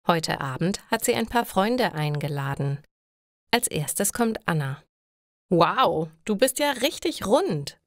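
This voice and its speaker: A woman reading stories for language learners in a slow, clear and deliberate scripted narration. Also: mid-range voice, no echo, studio quality.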